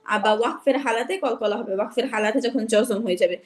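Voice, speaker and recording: A young woman teaching Quran recitation rules in an online class, patient and repetitive, checking that her students follow; she is unwell. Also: a little high. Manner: patient, repeats rules slowly, checks understanding.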